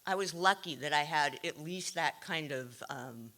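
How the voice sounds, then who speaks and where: A woman's voice: sits low, normal speed, sharp tone. Wry woman telling her recovery story. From California. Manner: wry, self-deprecating, frequent ums. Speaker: AA speaker sharing her story. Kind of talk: recovery share, candid storytelling.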